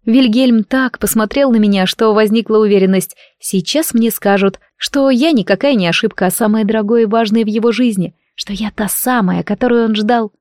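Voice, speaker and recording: A woman's voice: on the high side, moderate pace, few pauses, darkish tone, no room sound. Brief: female audiobook narrator, first person, intimate and emotional, dry studio sound.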